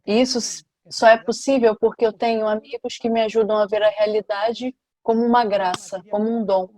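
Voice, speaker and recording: A woman giving a simultaneous interpretation at a panel, with a steady, measured delivery. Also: a little high, no room sound.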